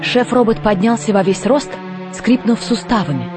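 A man's voice: high voice, expressive, normal speed. A man giving scripted narration of a story. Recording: narration over loud music.

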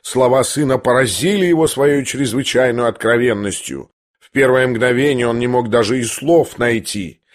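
A man narrating a classic novel in a steady, measured way. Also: mid-range voice. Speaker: audiobook narrator.

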